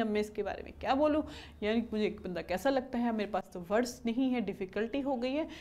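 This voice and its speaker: A woman's voice: a little high, a little mellow. A woman teaching an exam-prep lesson, repeating questions and answers to drill terms and mixing in English words. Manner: mixes English terms into Hindi explanations.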